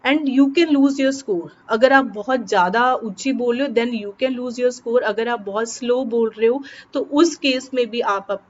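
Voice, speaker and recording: A fairly high-pitched woman with a Punjabi accent, coaching exam students in a mix of Hindi and English. She slows down deliberately whenever she gives an English tip. The recording is dull and carries a light hiss. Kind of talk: lesson to students. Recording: dull, slightly noisy recording.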